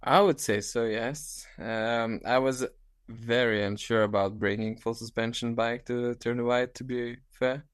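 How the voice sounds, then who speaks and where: Guest: Lithuanian-accented man, 30s, halting and restarting, clear, dry video-call sound. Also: mid-range voice, steady tone, no echo. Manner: halting, restarts often, laughs easily. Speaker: guest, ultra-distance cyclist. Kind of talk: casual interview on video call. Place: small room at home, indoors.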